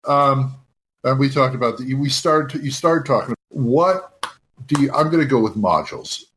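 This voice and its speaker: A man's voice: mid-range voice, lively intonation, normal speed, fairly bright tone. Rambling older man hosting a podcast. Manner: rambling, with frequent restarts. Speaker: podcast host. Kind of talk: casual chat.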